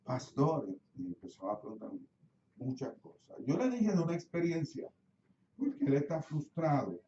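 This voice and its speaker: A man's voice: fairly high pitch, huge pitch swings, moderate pace, mellow, a little hiss or hum. A middle-aged man with a Puerto Rican accent preaching a sermon as pastor, telling stories and acting out his own prayers. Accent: Puerto Rican Spanish. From Puerto Rico. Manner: storytelling, acts out his own prayers, asks the congregation questions. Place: church sanctuary. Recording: roomy church sound from a distant mic, slightly dull.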